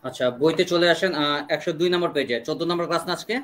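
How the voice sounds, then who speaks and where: A young man with a Bangladeshi accent teaching an online English class, slowly drilling questions and answers for students to repeat. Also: a little high, a bit bright. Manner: slow deliberate drilling of English sentences.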